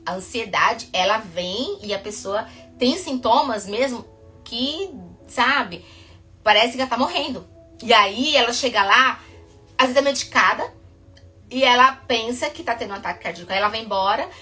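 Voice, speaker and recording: Mulher brasileira tagarela, voz brilhante. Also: female voice, medium pitch, pushed and bright. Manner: chatty storytelling, rushes then stops herself. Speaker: psychotherapist. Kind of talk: casual talk to camera.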